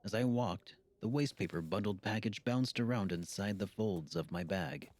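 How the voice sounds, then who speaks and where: A man narrating an audiobook with a steady, measured reading. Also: lowish voice. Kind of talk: scripted narration.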